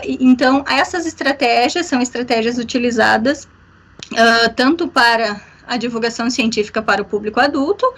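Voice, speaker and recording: High-voiced woman lecturing. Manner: explanatory, many fillers, frequent "né?". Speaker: workshop instructor. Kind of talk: online workshop lecture. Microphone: video call.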